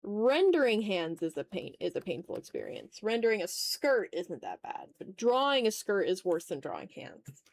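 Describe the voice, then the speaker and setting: Her mid-range voice is very animated and creaky, moving at a moderate pace with few pauses. She's a streamer running an art livestream, casually chatting as she draws and muttering self-critical remarks to herself and her viewers.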